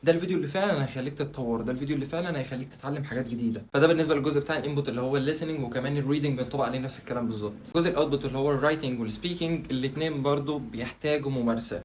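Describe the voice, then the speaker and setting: A man's voice: medium pitch, rapid-fire, few pauses, slight background noise. A man with an Egyptian Arabic accent giving a casual tutorial, chatting straight to the viewer and asking himself questions that he then answers. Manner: chatty, addresses the viewer directly. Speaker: language-learning video creator.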